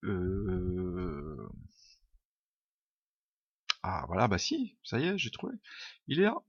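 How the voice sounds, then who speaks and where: A man's voice: low voice, huge pitch swings, takes it slowly, no room sound. Hesitant man thinking aloud. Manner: hesitant, many "euh" fillers, thinks aloud; informal, self-deprecating. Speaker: programming tutor. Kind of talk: unscripted screen-recorded coding tutorial. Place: home room. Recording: dull lo-fi home mic, dry.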